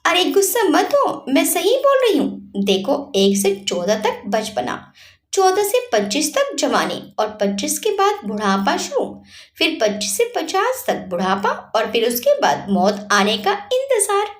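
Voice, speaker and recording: Give me a playful, teasing young woman, voiced by a woman storyteller, high and lively. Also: a little slow, reverberant, full character voice.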